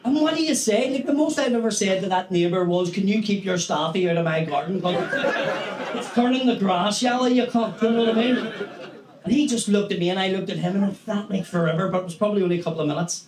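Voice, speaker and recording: A Northern Irish comedian in his thirties does a stand-up set on a small club stage with a brick wall, telling a story in an animated way and swearing. He talks fast in a high-pitched voice into a handheld stage mic. The club echoes, and loud audience laughter adds noise.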